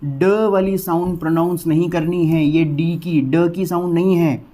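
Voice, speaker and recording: A male English teacher giving a vocabulary lesson, who repeats each word slowly to drill its pronunciation and keeps checking that viewers have understood. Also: fairly high pitch, steady tone, warm tone. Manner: addresses viewers as friends, asks "clear?".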